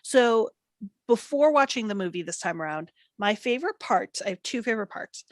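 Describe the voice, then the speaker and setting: A woman hosting a casual film podcast, leading the talk in an upbeat, deliberate way. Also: medium pitch, animated, no echo, clean studio sound. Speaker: podcast host. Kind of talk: casual chat.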